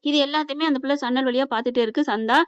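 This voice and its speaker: A woman's voice: sits high, racing, clean tone, dry recording. A woman retelling a serial episode in a chatty, dramatic way. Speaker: serial recap narrator. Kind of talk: casual storytelling recap. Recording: dull lo-fi recording.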